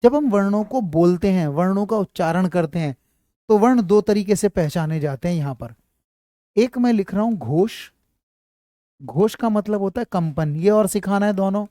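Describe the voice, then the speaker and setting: A man's voice: high-pitched, lively intonation, normal speed, warm tone, no echo, clean studio sound. A man teaching Hindi letters and sounds to students in a live class, repeating himself often and checking again and again that they understand, calling them child. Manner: addresses students fondly as child. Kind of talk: live online class, explaining at a board.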